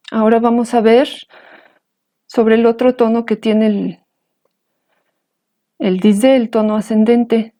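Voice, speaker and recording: Woman, language teacher, slow careful explanations, higher-pitched, warm tone. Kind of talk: explaining and pronouncing example words.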